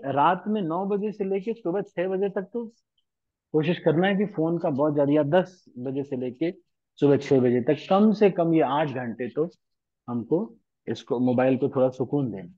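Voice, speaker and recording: A man's voice: a little high, unhurried, phone-quality sound. A man giving a devotional scripture class in a conversational way, often asking his listeners rhetorical questions. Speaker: lecturer on scripture. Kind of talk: devotional Hindi lecture.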